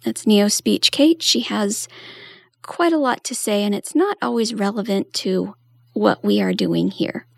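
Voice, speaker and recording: A woman's voice: medium pitch, a little slow, gravelly, no room sound, studio quality. A woman giving a patient, step-by-step tutorial walkthrough as a trainer. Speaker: assistive technology trainer.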